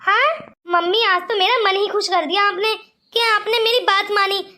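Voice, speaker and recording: A woman's voice: extremely high pitch, fairly even intonation, normal speed. A woman voicing a kind, protective young man in a cartoon story, firm and reassuring. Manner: firm, reassuring, sometimes shouting.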